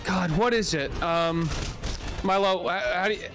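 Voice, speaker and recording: A man co-hosting a gaming stream, deadpan and hesitant, with lots of ums. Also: sits high, moderate pace. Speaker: co-host streamer. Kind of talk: casual gaming stream chat. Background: game music.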